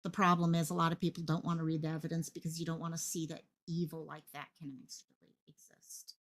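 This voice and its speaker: A woman hosting her own online channel gives passionate livestream commentary in a low-pitched voice that moves little in pitch and runs fast. She repeats phrases for emphasis and projects as a stage actor does.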